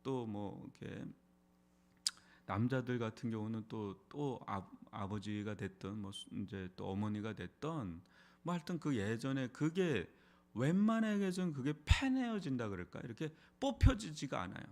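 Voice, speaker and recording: A man's voice: medium pitch, very animated, moderate pace, darkish tone. A middle-aged man, a pastor, preaching an early morning sermon in a church in a conversational way, with frequent rhetorical questions. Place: church sanctuary.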